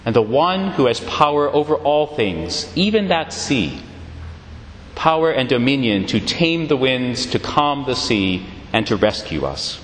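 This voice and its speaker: A man preaching a sermon in a church, retelling scripture in a measured, expressive way. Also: mid-range voice, slight background noise. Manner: expressive, measured storytelling delivery. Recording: echoey church hall.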